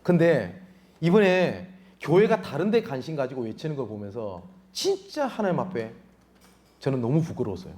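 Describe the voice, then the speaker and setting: A man's voice: mid-range voice, sing-song, moderate pace, a little mellow. Emphatic male pastor preaching. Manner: emphatic preaching, rhetorical questions to the congregation. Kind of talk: sermon. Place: church sanctuary.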